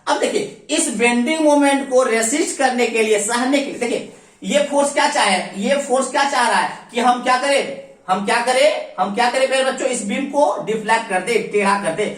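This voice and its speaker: Higher-voiced woman teacher in echoey room. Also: a little fast, distant mic. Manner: repeats key terms as questions and answers them herself; often addresses students as dear children. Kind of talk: recorded online class lecture.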